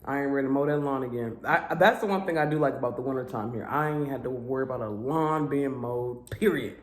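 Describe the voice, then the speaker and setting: A woman hosting a casual eating vlog at home, telling stories with an animated, drawling, laughing manner. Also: rumbling low, fast, slight background noise. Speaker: vlog host. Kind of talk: casual chat while eating. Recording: echoey room.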